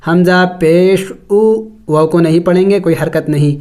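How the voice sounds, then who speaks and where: A man teaching Quran recitation rules, spelling out letters and vowels slowly and then explaining each rule at a brisk pace. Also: sits high, steady tone, warm tone. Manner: drawn-out melodic recitation of verses. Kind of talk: step-by-step tajweed lesson.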